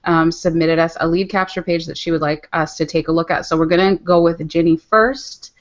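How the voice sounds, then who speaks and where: A woman co-hosts a live online show, explaining things in an upbeat, chatty way. Her voice sits fairly low. The sound is dull and lo-fi. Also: fairly even intonation, a little fast. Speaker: co-host. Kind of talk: casual live webinar chat. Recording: dull lo-fi audio.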